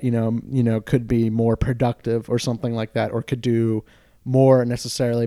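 Young man, podcast co-host, casual chat, rambling, middle pitch, dry close mic. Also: dark tone, no room sound. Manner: rambling, heavy on fillers.

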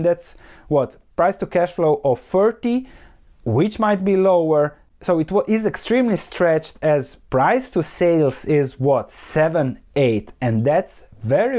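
A man's voice: on the high side, dark tone. A man from Croatia hosts a solo investing podcast, talking analytically and posing rhetorical questions that he answers himself. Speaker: podcast host.

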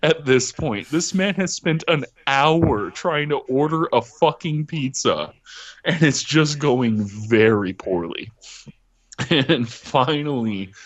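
A man's voice: mid-range voice, animated, takes it slowly. A man hosting a podcast, telling a story in casual chat, swearing often and laughing as he goes. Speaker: podcast host. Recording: dull lo-fi recording.

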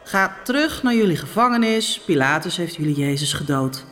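A woman voicing an indifferent male palace gatekeeper who speaks in a flat, uninterested tone. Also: fairly low pitch, moderate pace, soft background music. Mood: dismissive.

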